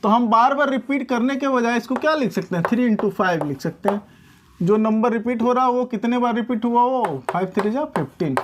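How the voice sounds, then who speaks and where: A woman's voice: fairly high pitch, fairly quick, noisy background. Questioning woman maths teacher. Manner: questioning, checks understanding often. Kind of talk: classroom-style maths lesson.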